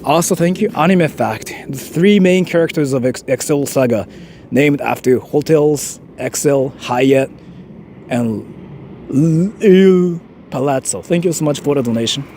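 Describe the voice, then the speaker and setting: A slightly high, mellow male voice speaks a little slowly over a faint hiss or hum. He's a Japanese man in his 30s reading viewer donations on a casual live stream, rambling and joking with plenty of "like".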